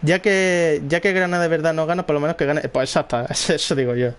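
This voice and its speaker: A young man with a Spanish accent casually commenting on his football game, excitable, often repeating words and shouting at plays. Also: a little high, quick pace, smooth. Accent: Spanish (Spain). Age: young adult. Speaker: gaming streamer. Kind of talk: casual live gameplay commentary.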